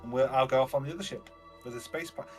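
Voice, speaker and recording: A man's voice: mid-range voice, rapid-fire, faint music behind. A man playing a tabletop game, bantering and stumbling over his words. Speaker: player. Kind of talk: tabletop role-play.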